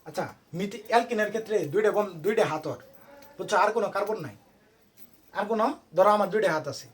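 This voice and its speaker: A male tutor runs an informal lesson for students, firing off one question after another. His voice sits high and his pace is quick. He talks to the students in a small room. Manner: quizzing students with constant questions. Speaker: private tutor.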